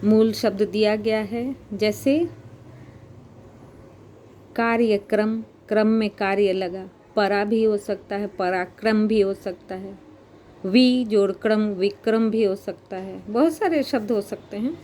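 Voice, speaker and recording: Woman teacher, grammar lesson, slow deliberate delivery, spells out words syllable by syllable, mid pitch, faint background hum. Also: steady tone, warm tone.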